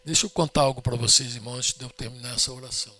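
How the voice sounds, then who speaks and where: A man's voice: medium pitch, fairly even intonation, very fast, bright, forceful tone. A middle-aged man with a Brazilian Portuguese accent preaching a sermon in an earnest, storytelling way, often asking the congregation to say amen.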